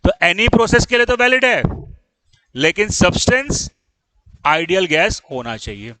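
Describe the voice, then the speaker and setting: Teaching an engineering class, this man explains things step by step, then checks understanding with frequent questions, sometimes scolding students out of exasperation. His voice is high, bright, and forceful, with big pitch swings and a measured pace, and the audio is poor.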